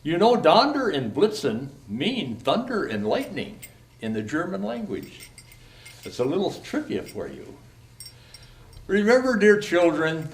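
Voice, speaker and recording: Lively, high-voiced jolly Santa Claus, played by a man. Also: exaggerated voice. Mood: kindly, encouraging. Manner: theatrical, grandfatherly, unhurried phrasing. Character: Santa Claus, jolly kindly old man addressing dear little children. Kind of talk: storybook poem reading and kindly address to children.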